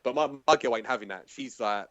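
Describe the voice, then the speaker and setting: A man's voice: mid-range voice, brisk, fairly bright tone, dull audio. A man with a London accent, a guest on a podcast, chatting casually, laughing often and restarting his sentences. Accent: London English. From London, England. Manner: laughing, easygoing banter with restarts. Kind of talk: casual chat.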